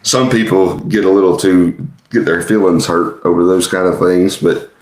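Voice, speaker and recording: A man's voice: low-pitched, steady tone, moderate pace, a little mellow. A man chatting casually as a podcast co-host, conversational and reassuring in how he talks. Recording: roomy, echoey sound.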